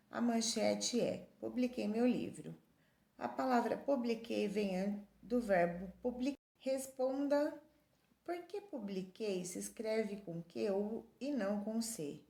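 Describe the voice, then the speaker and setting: A woman's voice: fairly high pitch, animated, slow, gravelly, warm tone, echoey room. A woman teacher reading a workbook lesson aloud to her pupils, spelling out letters and listing words one by one.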